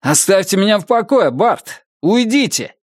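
A man's voice: fairly high pitch, animated, moderate pace, no echo, clean studio sound, close to an everyday voice. A man doing a curt, resentful young man. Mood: bitter. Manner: clipped, bitter, spoken through teeth.

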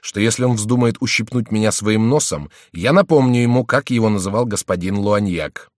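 A man voicing a mocking twenty-five-year-old nobleman who speaks slowly and deliberately in an audiobook. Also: lowish voice, no echo, clean studio sound, voice pushed up, natural voice. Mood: sardonic. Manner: slow, deliberate, sardonic.

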